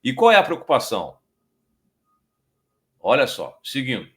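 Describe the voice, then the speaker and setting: Brazilian male preacher, chatty Bible teacher, lively and expressive intonation. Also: medium pitch. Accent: Brazilian Portuguese. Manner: conversational, frequent tag questions, slows down to read scripture. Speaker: preacher, program host.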